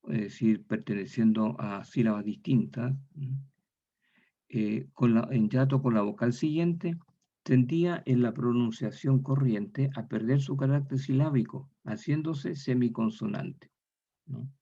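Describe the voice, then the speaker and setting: Man lecturer, slow and methodical, husky dark voice, dull lo-fi recording. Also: medium pitch. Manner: slow, methodical, repeats example words aloud. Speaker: university lecturer.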